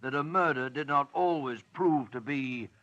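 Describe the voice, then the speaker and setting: An actor playing a genial, fussy English doctor, a detective's loyal companion, in avuncular 1940s radio drama style. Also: male voice, medium pitch, normal speed, sharp tone, lo-fi sound, natural voice. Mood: storytelling. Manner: chuckling, avuncular, blustery.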